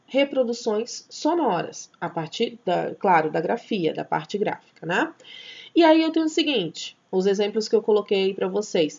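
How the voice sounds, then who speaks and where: A woman's voice: medium pitch, darkish tone. A woman teaching a grammar lesson, chatty and checking in with her students often, sometimes stumbling over and restarting words. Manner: chatty, checks in with tag questions. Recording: slightly dull lo-fi recording.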